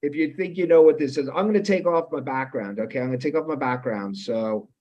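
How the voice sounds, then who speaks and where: Over muffled, lo-fi video call audio, a fifties-aged man hosts a webinar in a casual way, frequently starting his sentences over and putting questions to listeners. He has a mid-range, darkish voice and a brisk delivery.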